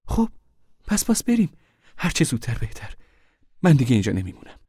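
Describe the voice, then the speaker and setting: A man voicing a weary, determined poor mother in a novel reading, low and hushed, sometimes forceful. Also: huge pitch swings, breathy edge, full character voice.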